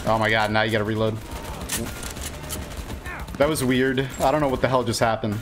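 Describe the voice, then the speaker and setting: A man's voice: medium pitch, fairly even intonation, a little fast, noisy background. A man doing casual live gameplay commentary, rambling informally and reacting aloud as he streams. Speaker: game streamer. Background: game ambience.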